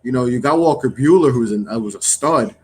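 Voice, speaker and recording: A man's voice: mid-range voice, expressive, fairly quick, a little mellow, husky. A man who runs a podcast network, chatting casually in a rambling way with many restarts. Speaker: network founder and guest.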